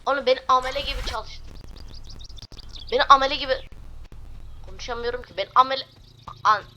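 A woman hosts a let's play video, grumbling and complaining in a casual, exasperated way as she plays. She speaks briskly in a high-pitched voice over loud background game music, with slight background noise.

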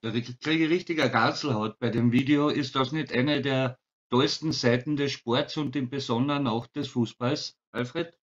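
Sports host on dull call audio. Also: male voice, medium pitch, normal speed. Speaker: interview host. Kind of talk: hosting an online sports talk.

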